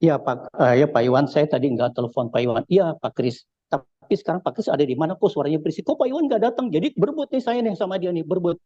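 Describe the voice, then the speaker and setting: A man from Indonesia with a Jakarta accent tells a casual church testimony, animatedly acting out the dialogue as he goes. He speaks fast in a fairly high voice with hardly any pauses, and the audio is lo-fi with no room sound.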